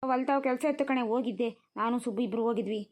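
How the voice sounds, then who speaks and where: A woman voicing a tired, sharp-tongued village grandmother in a cartoon, nagging and scolding. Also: on the high side, very fast, lightly acted. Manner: nagging, scolding rural speech. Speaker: grandmother tending a newborn.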